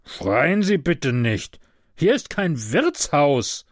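A man voicing a timid but officious middle-aged male train conductor who speaks stiffly and gives way quickly. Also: on the high side, very animated, no echo, studio quality, exaggerated voice. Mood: stern.

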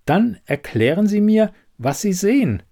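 A clipped, impatient woman investigator in an audiobook crime story, put on by a male reader. She speaks noticeably higher than his narrating voice, firing curt, pointed questions with a lively, swooping tone. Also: normal speed. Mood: accusing.

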